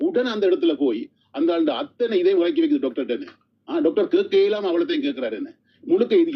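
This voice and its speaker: A man speaking passionately as a guest on a live stream, often restarting words. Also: on the high side. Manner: impassioned, stumbling restarts. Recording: dull lo-fi live stream audio.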